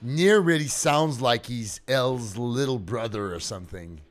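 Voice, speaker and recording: A man's voice: mid-range voice, measured pace, a little hiss or hum. A man giving casual reaction commentary, with short exclamations and remarks as they come.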